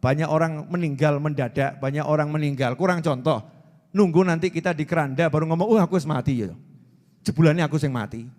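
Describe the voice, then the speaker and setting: A man's voice: a little high, fast, a little mellow, big-room sound. A man, preaching a sermon in a playful way and repeating words for emphasis. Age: 40s.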